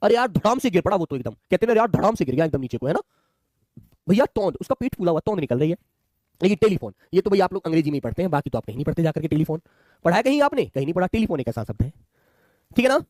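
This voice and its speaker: A man's voice: a little high, sing-song, rapid-fire, darkish tone, no echo, studio quality. A man teaching a live online exam class, chatty, often calling students his children and asking them to answer.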